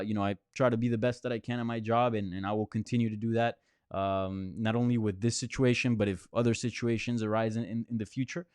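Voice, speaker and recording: A man's voice: medium pitch, darkish tone, smooth, dry recording. A man hosting a live question-and-answer stream, talking casually with lots of fillers and restarts. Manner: rambling, many restarts and fillers; conversational, answering viewer questions. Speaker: host. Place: apartment near a hospital.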